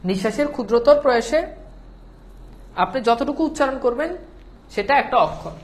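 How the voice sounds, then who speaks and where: A woman's voice: fairly high pitch, a little fast. A woman with a Bangladeshi Bengali accent teaching an online class, patient, repeating points and often checking whether students follow.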